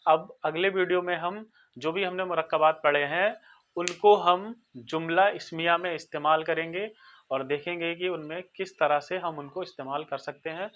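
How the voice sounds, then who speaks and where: A teacher giving a recorded lesson, explaining slowly and patiently, sounding out word forms and often checking that listeners follow. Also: mid-range voice, fairly even intonation, fairly bright tone, a little hiss or hum. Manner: patient, repeats and checks understanding. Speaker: Arabic grammar teacher. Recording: dull lo-fi recording.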